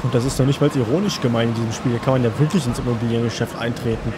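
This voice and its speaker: A man's voice: medium pitch, steady tone, very fast, background noise. A young man with a German accent giving casual, crude, joking let's-play commentary to his viewers. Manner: joking, crude, talks to viewers, sings along.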